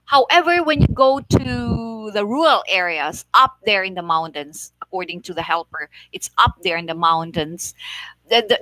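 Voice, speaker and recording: A woman from Negros Oriental with a Filipino accent, explaining things in a measured, casual way with many repeats. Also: medium pitch, fairly bright tone, slight background noise, rough recording. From Philippines, Negros Oriental. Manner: slow, measured explaining with frequent "like" and repetitions. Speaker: vlogger.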